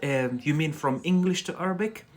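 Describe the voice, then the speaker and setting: During a relaxed livestream, an English teacher runs a lesson and chats with the audience at a medium pitch. The delivery is halting, and words get repeated as drills.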